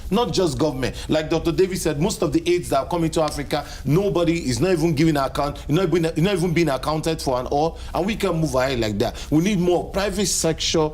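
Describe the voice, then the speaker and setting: A man's voice: fairly high pitch, brisk, few pauses, a little hiss or hum. A man answering as a guest in an interview, speaking emphatically and repeating phrases for stress.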